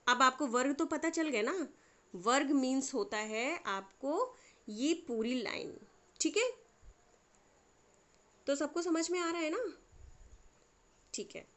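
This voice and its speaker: A woman with a fairly high voice teaches a lesson at an unhurried pace. She explains patiently, one step at a time, and keeps checking that her listeners follow. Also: pushed and bright. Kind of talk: classroom lesson.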